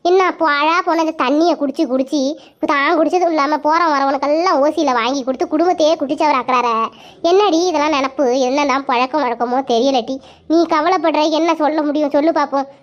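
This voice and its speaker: A woman's voice: high voice, quick pace, close to an everyday voice. A woman voicing a put-upon young village housewife in a cartoon, grumbling and lamenting, on a dull lo-fi recording.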